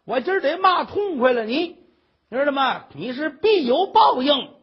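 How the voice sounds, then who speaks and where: A man voicing a spiteful, bossy old mother-in-law who screeches curses in a raspy voice, in a dull lo-fi recording. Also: sing-song, normal speed, full character voice. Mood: scolding. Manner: screeching, cursing in high bursts. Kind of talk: comic storytelling.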